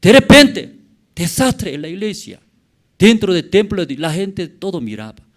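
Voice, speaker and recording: Male pastor, sermon, lively up-and-down delivery, slightly high voice, halting phrasing, loud then hushed. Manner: asks the congregation frequent rhetorical questions; dramatic swings from loud exclamations to quiet murmurs.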